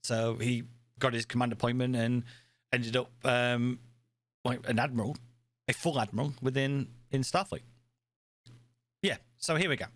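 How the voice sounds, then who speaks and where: A man's voice: mid-range voice, fairly even intonation, moderate pace, long pauses, fairly bright tone, dry recording. An older man narrating as game master of a tabletop game, rambling with fillers.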